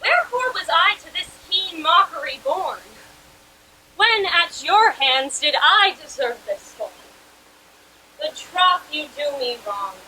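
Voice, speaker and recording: A woman's voice: very high-pitched, pushed and bright, slight background noise, heavily acted, low-quality recording. A teenage girl acting a hurt, spurned young woman in Shakespearean verse, earnest and reproachful. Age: teens. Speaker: stage actor.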